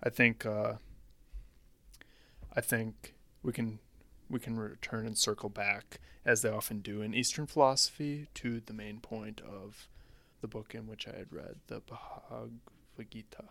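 A man's voice: fairly low pitch, steady tone, unhurried, vocal fry, bright, forceful tone, no echo. Wry, rambling man on a podcast. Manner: rambling, wry, laughs often. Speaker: podcast co-host. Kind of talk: casual chat.

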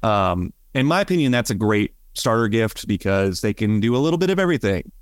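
A man's voice: on the low side, big pitch swings, a little fast, smooth, no echo, clean studio sound. A man co-hosting a podcast in casual chat, rambling and chatty with frequent fillers. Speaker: podcast co-host, bonsai nursery worker.

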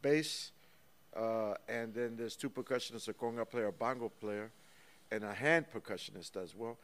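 A man being interviewed as a guest musician, talking in a lively, storytelling way and counting rhythms out loud. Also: medium pitch. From United States. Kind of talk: casual interview. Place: small recording studio. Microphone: studio microphone.

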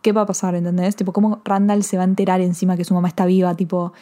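A woman with an Argentine accent casually reviewing a TV episode, rambling and excitable, full of fillers and restarts. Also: lowish voice, rapid-fire. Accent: Argentine Spanish. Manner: excitable, emotional. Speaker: TV series reviewer.

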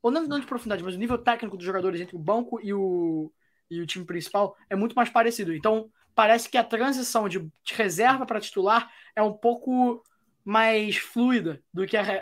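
A Brazilian woman hosts a podcast, chatting casually and wryly about football with frequent restarts. Her voice is mid-range and her pace is brisk.

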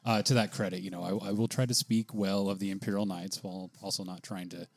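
A man's voice: deep voice, flat delivery, fast talker, creaky, no echo. A man co-hosting a casual gaming podcast, chatty and laughing often as he reads rules aloud. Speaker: podcast co-host.

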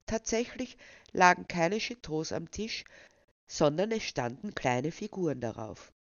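Calm woman reading a story aloud. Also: fairly low pitch, a little slow, no echo, muffled recording. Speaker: author reading her own stories.

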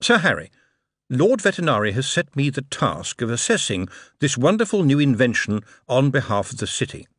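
Man voicing a smooth, cheeky con man. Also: mid-range voice, big pitch swings, moderate pace, fairly bright tone, no room sound, clean studio sound, voice pushed up. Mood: formal. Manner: careful, polished diction.

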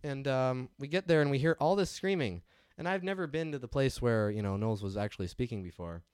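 A man's voice: mid-range voice, expressive, a little fast, darkish tone, smooth, dry recording. A man co-hosting a casual podcast chat, steering the talk with a dry, sarcastic manner. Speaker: podcast co-host.

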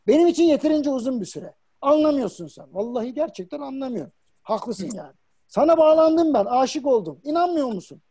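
A man voicing a clingy, dramatic young woman being dumped, in a comic sketch, shrill and accusing. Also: expressive, fast, dark tone, husky, heavily acted. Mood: tearful.

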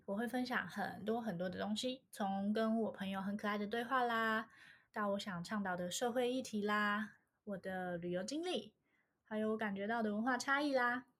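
A woman's voice: medium pitch, fairly bright tone. Young woman with a Taiwanese accent. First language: Mandarin. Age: young adult. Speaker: channel host. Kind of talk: scripted channel introduction.

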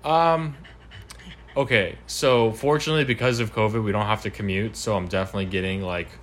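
A man's voice: on the low side, fairly even intonation, a little fast, a bit bright. A man in his twenties answering interview questions at home, hesitant, with many ums and restarts. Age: 20s. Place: home apartment.

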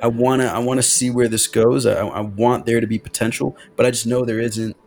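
A man co-hosting a podcast in casual chat, excitable and quick to swear as he talks. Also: medium pitch. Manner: animated, excitable, swears freely. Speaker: podcast co-host.

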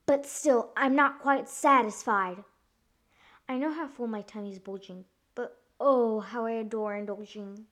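Woman as a male wolf villain, greedy, boastful, drawn-out menacing delivery, storybook. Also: a little high, fairly bright tone. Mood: greedy relish. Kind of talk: dramatised children's verse story reading.

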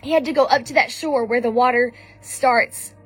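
Conversational woman preaching over soft music. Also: on the high side, moderate pace, husky. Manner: conversational, with frequent ums and restarts. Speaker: speaker giving a devotional message. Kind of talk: informal sermon.

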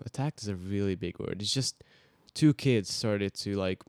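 Podcast guest, teen male, native Hungarian, low voice, dry sound, easygoing storyteller. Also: moderate pace, creaky, dry recording. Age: teens. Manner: relaxed, rambling storytelling with fillers. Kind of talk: casual podcast chat.

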